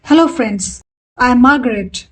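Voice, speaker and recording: A woman in her thirties giving a scripted freelancing tutorial, explaining each step clearly and in order. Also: a little high, moderate pace, faint music behind. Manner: clear, step-by-step instructional delivery. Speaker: freelancing coach.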